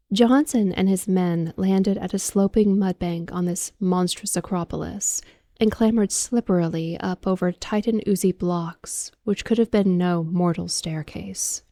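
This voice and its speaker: A woman reading a horror audiobook as a calm bedtime ASMR narration, soft, measured and deliberate. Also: fairly low pitch, no room sound, clean studio sound.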